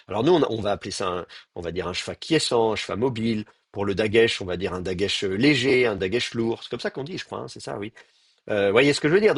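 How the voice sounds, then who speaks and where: Husky-voiced man lecturing on grammar. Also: medium pitch, dry recording, studio quality. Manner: thinks aloud with many fillers and restarts, addresses students directly. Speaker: Hebrew teacher.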